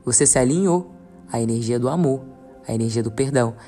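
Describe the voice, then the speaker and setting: A woman with a very deep, mellow voice guides listeners through a mantra and prayer practice. She speaks in a calm, earnest tone and repeats phrases slowly, over faint instrumental music. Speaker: spiritual guide. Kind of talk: guided meditation teaching. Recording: soft instrumental music behind.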